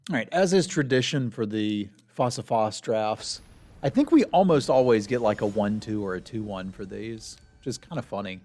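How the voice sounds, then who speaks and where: A man's voice: lowish voice, moderate pace, hardly any pauses, darkish tone. Wry man thinking aloud over gameplay. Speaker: card game player and streamer. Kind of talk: casual gameplay commentary.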